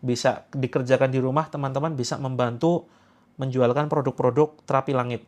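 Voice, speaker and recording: A man's voice: mid-range voice, fairly even intonation, a little fast, a little mellow. A man hosting a live religious therapy stream, chatting playfully with viewers, reading their comments aloud and laughing often. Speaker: host of a live Quranic therapy session. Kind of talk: casual livestream chat reading viewer comments.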